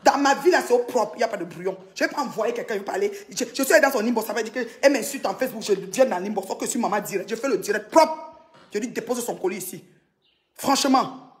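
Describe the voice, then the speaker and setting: A woman from Cameroon in an angry social media rant, scolding and mocking, swinging between loud outbursts and low mutters. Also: lively intonation, quick pace.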